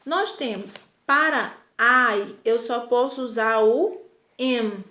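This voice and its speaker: A high-pitched woman gives a recorded lesson to schoolchildren. She talks patiently, pausing to check understanding and carefully slowing down on each English example. The room around her has a noticeable echo. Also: bright, forceful tone. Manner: patient, slow and deliberate, repeats "tá?" and "ok?" checks. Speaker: primary school English teacher.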